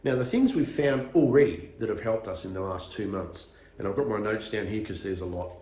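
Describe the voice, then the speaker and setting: A man in his fifties with a fairly low voice talks casually to the camera. He pokes fun at himself and trips over fillers. The room around him rings with noticeable echo. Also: a little fast, warm tone, slight background noise. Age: 50s. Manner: self-deprecating, chatty, laughs at himself, frequent fillers. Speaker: vlogger. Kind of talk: casual self-recorded vlog.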